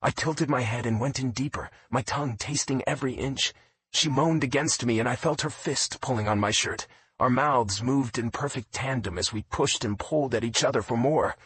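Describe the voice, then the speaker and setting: A man narrating a romance audiobook in a low, intimate first-person reading. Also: moderate pace, fairly bright tone.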